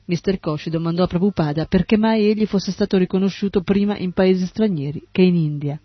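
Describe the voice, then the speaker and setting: High-voiced male audiobook narrator. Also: brisk. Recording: dull lo-fi recording with faint music.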